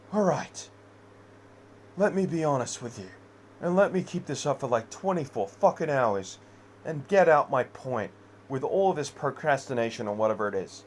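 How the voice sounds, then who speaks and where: Agitated man ranting, higher voice. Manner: rambling, heavily profane, agitated. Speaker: vlogger. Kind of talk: unscripted personal rant to camera.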